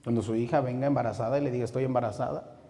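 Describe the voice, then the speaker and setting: A man's voice: fairly even intonation, racing. Fiery preaching man in an echoey hall. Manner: impassioned preaching, swinging from shouting to low intensity. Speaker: pastor. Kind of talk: sermon. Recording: echoey hall with long reverb.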